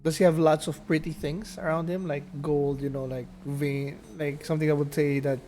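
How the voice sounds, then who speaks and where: Mellow guy playing a tabletop rpg, highish voice, asking stuff casually, bit halting, music low behind. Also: little pitch movement. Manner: inquisitive, halting. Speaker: tabletop game player. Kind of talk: casual chat. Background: faint music.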